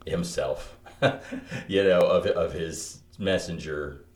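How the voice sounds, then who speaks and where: A man co-hosting a podcast, talking through theology in an animated way, thinking aloud with many restarts. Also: deep voice, slow, echoey room. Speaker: podcast co-host. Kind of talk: theological conversation.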